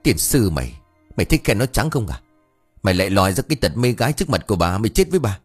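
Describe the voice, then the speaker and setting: A fierce, jealous young wife, voiced by a male storyteller tears into her husband in a sharp, threatening rush. Her voice stays husky under the scolding, with faint music behind. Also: fairly low pitch, sing-song, fast.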